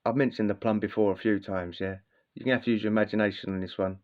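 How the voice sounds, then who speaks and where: A man's voice: lowish voice, steady tone, rapid-fire. A man telling a casual story in a slangy, rambling way, often repeating himself. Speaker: vlogger. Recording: slightly dull lo-fi audio.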